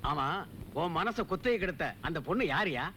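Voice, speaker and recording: A teasing, worldly friend in a film comedy, with a fairly high, bright voice full of wisecracks. Faint noise sits under the film sound. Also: male voice, expressive, moderate pace. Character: teasing, worldly male friend, jokey and nosy. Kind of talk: Tamil film comedy acting.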